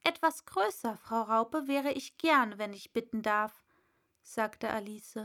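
A woman's voice: on the high side, slow, fairly bright tone. A woman reading a storybook and voicing a polite, timid little girl who speaks shyly. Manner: timid and polite, rising to plaintive.

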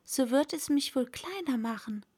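A woman's voice: sits high, animated, moderate pace, darkish tone, slightly rough. A woman voicing a curious, bold young girl in a storybook reading, earnestly talking to herself.

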